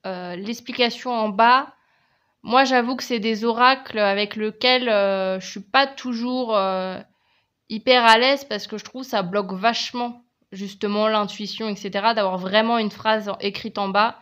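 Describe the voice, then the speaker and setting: A woman's voice: medium pitch, fairly even intonation, measured pace, a bit bright, muffled recording. Chatty hesitant French woman. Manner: chatty, hesitant, lots of fillers and restarts. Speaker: tarot and oracle card reviewer. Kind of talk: casual video presentation.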